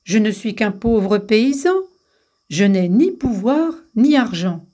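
A woman's voice: medium pitch, expressive, takes it slowly, dark tone. A woman reading as Tao, a humble young peasant. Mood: puzzled. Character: humble young male peasant, kind and modest.

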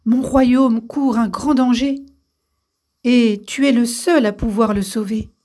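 A woman reading the part of a gentle, regal queen who speaks softly and pleads for help. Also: on the high side, steady tone, takes it slowly. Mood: pleading. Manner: soft-spoken, pleading.

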